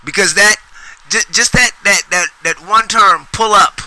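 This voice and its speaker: Middle-aged male podcast host, high bright voice, rambling profane solo rant. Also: unhurried, low-quality recording. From Sacramento, US. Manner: profane, rambling, emphatic with repetitions.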